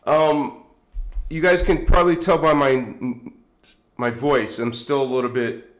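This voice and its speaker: A livestream host with a slightly high voice keeps a measured pace, and the sound is reverberant. Congested and chatty, he rambles into a phone set on a tripod, chuckling often.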